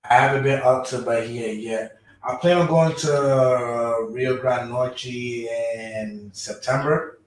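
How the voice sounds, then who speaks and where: Man chatting haltingly in an echoey room. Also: medium pitch, fairly even intonation. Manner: halting, with many fillers and restarts. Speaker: guest. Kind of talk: casual chat.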